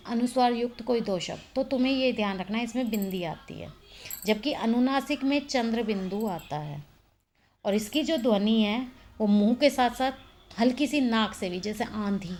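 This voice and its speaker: A woman's voice: fairly high pitch, darkish tone. A woman teacher giving a recorded grammar lesson, explaining step by step and answering her own questions as she goes. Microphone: phone voice recorder.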